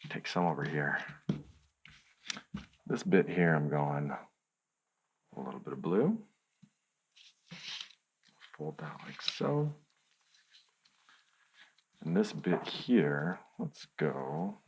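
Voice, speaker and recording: A man's voice: rumbling low, animated, extremely slow, vocal fry, pauses often, husky. A man hosting a hands-on crafts tutorial, chatting playfully to the viewer as he works. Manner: playful, chatty, talks to the viewer while working.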